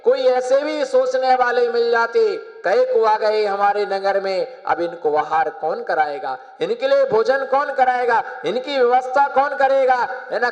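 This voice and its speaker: A male monk gives a sermon in a high, unhurried voice. He repeats his phrases and calls on the audience to answer back. A long hall reverb follows his words. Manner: repetitive, prompting listeners to respond. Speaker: Jain monk.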